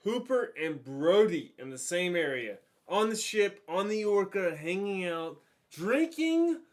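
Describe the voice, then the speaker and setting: A man's voice: sits high, sing-song, unhurried. A drunk man chatting casually as a movie review co-host, rambling, swearing and repeating himself as he loses his thread. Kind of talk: casual chat.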